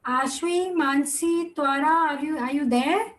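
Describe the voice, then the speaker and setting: A woman's voice: sits high, a little slow, low-quality recording. A woman teaching an online Mandarin class, encouraging the students and explaining pronunciation. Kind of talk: online class quiz and wrap-up.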